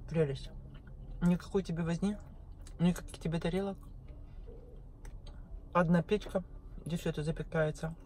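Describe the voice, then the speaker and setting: A woman chats while chewing and talks through a full mouth, letting out contented hums between bites. Her voice is mellow and warm. Faint noise sits under the recording. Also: fairly low pitch, fairly even intonation, moderate pace, pauses often. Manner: savoring, murmuring "mm" between bites. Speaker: mukbang vlogger. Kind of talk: casual chat while eating.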